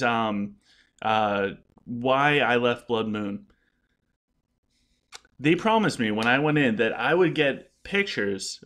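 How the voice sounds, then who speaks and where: A man speaking off the cuff as a gaming creator to his viewers, earnest and explanatory, often halting and restarting his words. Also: medium pitch, a bit bright. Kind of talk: casual unscripted vlog talk.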